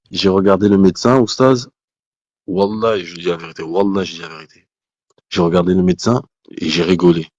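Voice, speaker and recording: A man telling a personal testimony as a guest, in casual spoken storytelling, animated, with many restarts, acting out the dialogue he quotes. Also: low voice, no echo, muffled recording.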